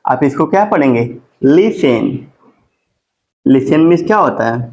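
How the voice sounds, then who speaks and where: A man teaching a classroom grammar lesson. He asks his students questions and answers them himself, and he spells words out slowly. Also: medium pitch, expressive, a little mellow. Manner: drawn-out slow spelling of words. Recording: dull lo-fi classroom recording.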